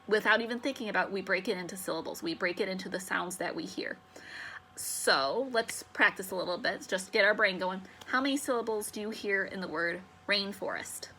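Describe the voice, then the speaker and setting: A young woman teaching a remote lesson to children, upbeat and encouraging, slowing down to sound out syllables. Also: mid-range voice, pushed and bright, a little hiss or hum. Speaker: elementary school teacher.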